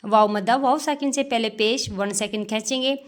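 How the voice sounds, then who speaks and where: A woman teaching tajweed step by step, reciting words slowly and drawn out, then explaining the rules and answering her own questions. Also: fairly high pitch. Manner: slow drawn-out recitation of verses between explanations; frequent "theek hai" check-ins.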